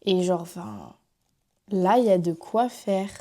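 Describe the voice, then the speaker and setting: A woman's voice: fairly low pitch, a little slow, mellow. A young woman with a French accent chatting casually through a makeup haul, rambling with lots of fillers. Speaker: vlogger.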